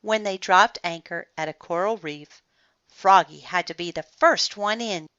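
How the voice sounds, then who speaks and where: A woman reading a bedtime story aloud slowly and expressively. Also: fairly low pitch, fairly bright tone, clean tone, no echo. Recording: slightly muffled dry recording.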